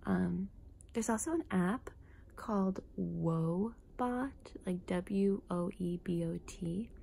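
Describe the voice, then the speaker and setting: A soft-spoken woman doing casual ASMR talk in a dark, relaxed, slightly low voice. Her delivery is hushed and breathy, with plenty of creaky vocal fry. She often drops into a whisper as she chats. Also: slow pace. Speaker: ASMR content creator.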